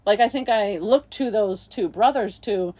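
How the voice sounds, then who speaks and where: A woman co-hosting a podcast, telling a candid personal story in a soft, halting, reflective way with frequent restarts. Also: mid-range voice. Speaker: podcast co-host.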